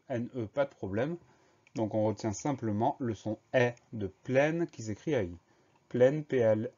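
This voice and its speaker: Patient man spelling out words slowly. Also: medium pitch, a little mellow, muffled recording. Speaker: teacher. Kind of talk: spelling lesson for a dictation.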